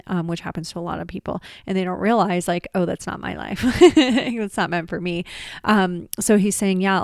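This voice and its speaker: A woman's voice: on the low side, darkish tone, no room sound, clean studio sound. A woman, a medium, chatting casually and relaying what her spirit guide tells her, with frequent small laughs.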